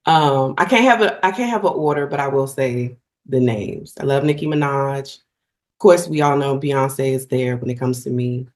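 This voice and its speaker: A middle-aged woman, a singer, talking as a guest in a casual interview, animated and effusive, often restarting her sentences. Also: extremely low pitch, normal speed.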